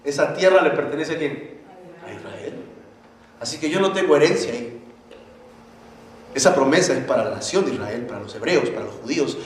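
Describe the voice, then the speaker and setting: A man preaching a sermon as pastor, animated and often asking the congregation questions. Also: medium pitch, a little fast, long pauses. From Peru. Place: church hall. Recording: very echoey church hall, faint noise.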